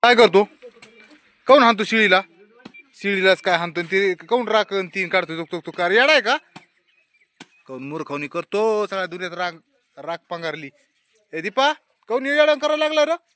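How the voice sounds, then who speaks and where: A man's voice: high voice, lively intonation, moderate pace, pushed and bright. A man, vlogging casually while scolding and coaxing a small child at home. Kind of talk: casual family vlog chatter.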